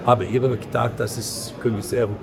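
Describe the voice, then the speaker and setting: In a casual interview, a Belgian podcast guest who edits a film channel about the print industry struggles through German, his non-native language, restarting often and using many fillers. His mid-range voice is steady and creaky, and a crowd sounds behind him.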